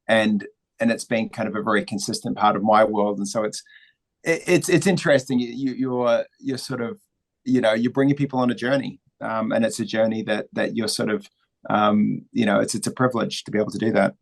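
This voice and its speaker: A man's voice: fairly low pitch, steady tone, fairly quick, vocal fry, low-quality recording. A man from New Zealand with a New Zealand accent, talking as a guest in an interview in a thoughtful, reflective way. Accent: New Zealand, slightly Australian or American. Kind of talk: interview conversation.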